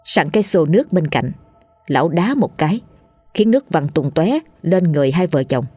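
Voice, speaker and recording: A woman, narrating a scripted ghost story in a steady reading voice. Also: deep voice, normal speed, slightly rough, no room sound, faint music behind.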